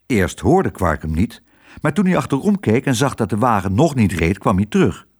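A man reading a children's storybook aloud, expressive and switching voices for each character. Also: fairly low pitch, normal speed, husky. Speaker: narrator.

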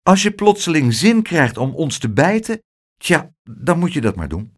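A man voicing an excited little boy who shouts in alarm, in a storybook reading. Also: a little high, normal speed. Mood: coaxing.

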